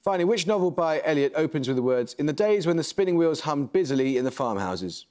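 Seated at a desk on a large TV studio set, a man hosts a quiz show, introducing the teams and reading questions in a crisp, measured, formal way with dry asides. His voice is on the high side, animated and darkish in tone.

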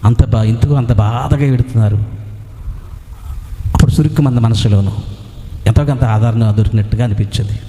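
A man's voice: mid-range voice, steady tone, fairly quick, pauses often, dark tone, long reverb tail. A man preaching a sermon as a pastor, who asks rhetorical questions and answers them himself, with frequent hallelujahs.

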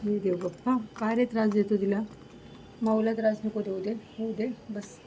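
A woman's voice: mid-range voice, steady tone, normal speed, warm tone, slight background noise, poor audio. A woman fussing over her cat and talking to it, in a casual home vlog at night. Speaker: vlogger caring for a pregnant cat.

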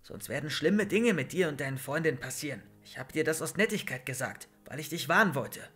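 A man's voice: fairly high pitch, animated, fairly quick, bright, forceful tone, soft background music. A man voicing a secretive young village woman who gives ominous, conspiratorial warnings, sometimes in a whisper. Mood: threatening.

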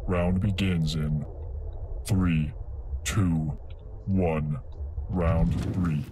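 Very deep fighting game announcer. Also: male voice, fairly even intonation, background noise. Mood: commanding, emphatic. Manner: slow, deliberate, emphatic delivery. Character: commanding male arena combat announcer. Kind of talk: fighting game announcer, terse match callouts. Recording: game audio under loud gunfire effects.

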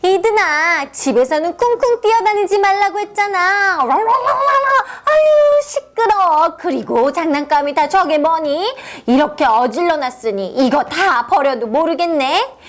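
A gentle storybook mother, voiced by a woman, soothing and unhurried. Her voice moves warmly up and down as she comforts her child. She sounds slow and patient. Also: very high-pitched. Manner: soothing, sometimes scolding.

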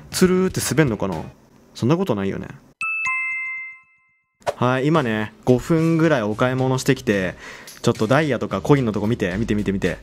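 A young man hosting a game channel chats casually as he plays, giving running commentary. His pitch swings widely as each new thing excites him, while faint music plays in the background.

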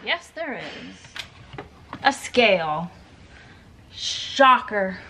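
A woman's voice: medium pitch, sing-song, extremely slow, pushed and bright, a little hiss or hum. A woman in her thirties chatting wryly to the camera as she digs through a storage unit, thinking aloud about each find. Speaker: storage unit reseller vlogger. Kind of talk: casual narration while sorting items. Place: metal storage unit, indoors.

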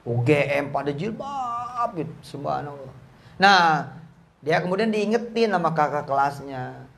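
A man preaching a lively, joking sermon at a boarding school gathering, telling stories in casual speech. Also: measured pace, creaky. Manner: jokey, acts out quoted voices with big pitch jumps.

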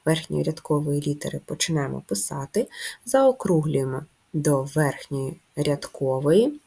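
A woman teaching young children to write letters, speaking slowly and gently with clear instructions. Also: deep voice, animated. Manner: slow, gentle and instructive, addressing young pupils. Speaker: primary school teacher. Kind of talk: children's handwriting lesson.

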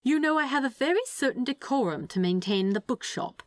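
Pitching her voice above her natural register, a woman performs a fussy, polite male angel for a fan fiction reading. The tone is high, expressive and a little fast, with no echo, as the doting character coos, tuts and scolds in a prim way.

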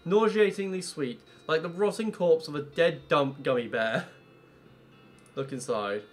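A man's voice: a little high, unhurried, soft background music. A man with a British accent livestreaming a game, chatting informally with swearing and reading game text aloud. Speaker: game streamer. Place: indoor streaming room. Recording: livestream with background noise.

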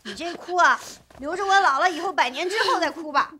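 An actress playing a brash young daughter who scolds bluntly and talks back. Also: female voice, extremely high pitch, fairly quick, sharp tone, a little hiss or hum. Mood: scornful. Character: brash, sharp-tongued young woman, daughter.

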